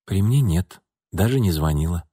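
A man voicing a calm, gentle young woman who works as a nanny in an audiobook. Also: deep voice, normal speed, breathy edge, no room sound, clean studio sound. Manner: calm, mild, reasonable.

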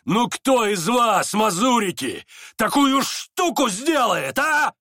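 A man doing a wild, rough merchant. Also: very deep voice, a little slow, sharp tone, dry recording, studio quality, pitched below the performer's own voice, exaggerated voice. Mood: exultant.

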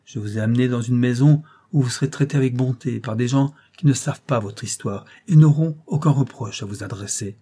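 A man reading an audiobook, voicing a calm, stern young gentleman who speaks in a quiet, measured way. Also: mid-range voice, slightly rough, natural voice.

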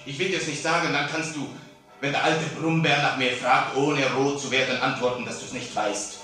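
An actor playing a surly, defiant young son who speaks brashly and impertinently in a classic radio play. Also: male voice, mid-range voice, steady tone, moderate pace, pushed and bright, natural voice. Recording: roomy radio studio with faint music.

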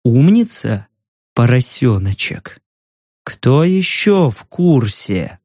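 A man's voice: mid-range voice, very animated, darkish tone, no room sound, studio quality, pitched below the performer's own voice, heavily acted. A man doing a smug, menacing thug. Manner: slow, taunting and sly. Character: menacing male ex-dockworker, smug, mocking. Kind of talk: audiobook narration.

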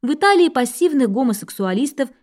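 A woman reads a scripted history narration in an even, measured way. Her voice sits somewhat high for a woman. She keeps a steady reading pace throughout.

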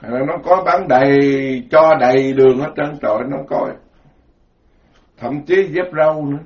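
In a casual, joking sermon, a Buddhist monk with a Southern Vietnamese accent from the Mekong Delta stacks up words in emphatic lists. His slightly high voice moves at normal speed. The recording is dull and lo-fi.

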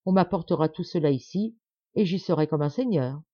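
A woman's voice: low-pitched, animated, brisk, warm tone, husky, dry recording, dull audio. A woman reading the part of a proud, stubborn middle-aged man who talks with insistent, forced cheer. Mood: satisfied.

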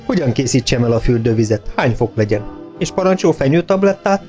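A man's voice: mid-range voice, expressive, a little mellow, soft background music, lightly acted. Man voicing a deferential young nurse. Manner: polite and deferential. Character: smooth, dutiful young nurse with a hidden dark streak.

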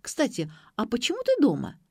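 A woman's voice: on the high side, wildly swooping pitch, brisk, gravelly, darkish tone, slightly rough, no echo, studio quality, pitched above the performer's own voice, exaggerated voice. A woman voicing a brash, pushy young woman who talks in snappy, slangy retorts in an audiobook. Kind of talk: audiobook character voice.

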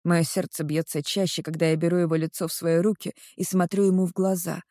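Expressive audiobook narrator. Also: medium pitch, fairly quick, no room sound, clean studio sound. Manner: expressive, acts out heated dialogue. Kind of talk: first-person audiobook narration.

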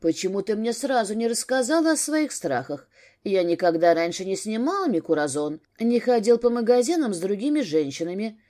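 A woman's voice: medium pitch, mellow, lightly acted. A woman reading a story aloud, voicing an earnest husband reassuring his upset wife.

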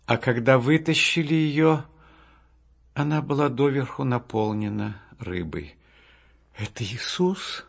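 A man narrating Bible stories for an audiobook in a slow, measured reading. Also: medium pitch, vocal fry. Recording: dull lo-fi audiobook with soft music.

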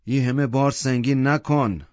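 A man's voice: mid-range voice, steady tone, a little mellow, no room sound, pitched above the performer's own voice, close to an everyday voice. A man voicing a stern middle-aged father who speaks curtly and firmly. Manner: curt, firm. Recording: dull lo-fi audiobook recording.

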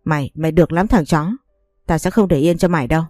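A woman's voice: low-pitched, fast talker, darkish tone, no room sound, faint music behind. A woman reading the lines of a furious young husband who scolds harshly. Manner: scolding, cursing.

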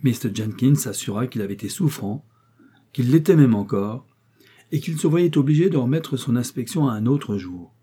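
A man reading a classic novel aloud as an audiobook narrator, measured and expressive. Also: mid-range voice, husky. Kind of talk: scripted narration.

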